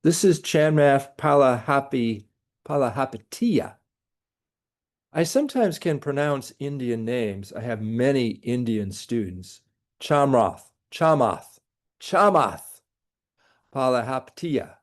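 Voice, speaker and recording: A man's voice: medium pitch, lively intonation, measured pace. A middle-aged man, a college professor, giving a recorded lecture with dry, sarcastic jokes. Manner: dry jokey asides, sarcastic.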